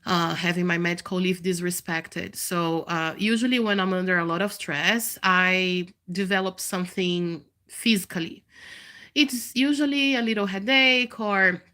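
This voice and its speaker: A woman's voice: fairly low pitch, measured pace, pushed and bright. A woman in her thirties with a nasal, congested voice, chatting candidly to viewers in a live video update. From Canada. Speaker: vlogger.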